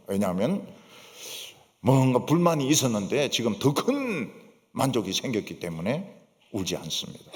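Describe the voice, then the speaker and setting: A man's voice: mid-range voice, vocal fry. A male pastor with a Gyeongsang accent preaching in a church, emphatic and full of rhetorical questions and affirming asides. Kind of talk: sermon. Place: church sanctuary. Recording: long church reverb.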